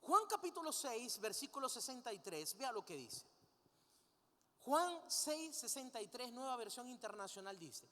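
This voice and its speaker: A woman's voice: a little high, big pitch swings, moderate pace, pushed and bright. Woman preacher in a reverberant hall. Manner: asks the congregation frequent rhetorical questions; leads the congregation in call-and-response. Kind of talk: sermon.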